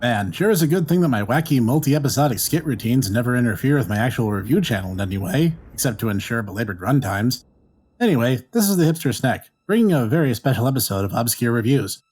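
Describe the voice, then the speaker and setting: A man's voice: mid-range voice, animated, fast, darkish tone, breathy edge. A man hosting a video game review, reading scripted comic narration in a dry, sarcastic way.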